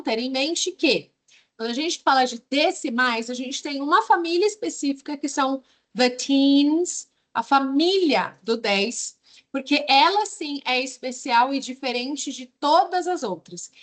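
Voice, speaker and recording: A woman's voice: high voice, lively intonation, a little slow. A woman with a Brazilian accent teaching English in a video lesson, explaining patiently and drilling words one by one. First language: Portuguese.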